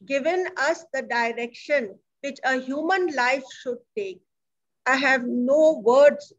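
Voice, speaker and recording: Slow, reflective woman's tribute. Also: on the high side, muffled recording. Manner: unhurried and reflective, many "you know" fillers. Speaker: speaker at a memorial gathering. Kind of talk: heartfelt tribute speech.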